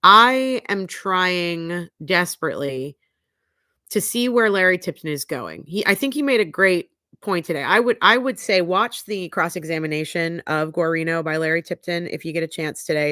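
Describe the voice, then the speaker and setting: A woman hosts a casual livestream recap of a trial from home, chatty, bluntly opinionated and full of fillers. She sounds congested and sniffly, with a low voice at normal speed and a bright, forceful tone. The sound is clean studio quality with no room sound.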